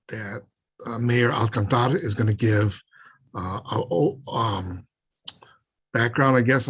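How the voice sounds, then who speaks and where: A middle-aged man with a husky voice, haltingly explaining an agenda as staff on a video call. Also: lowish voice. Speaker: agency staff member. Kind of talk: informal procedural explanation.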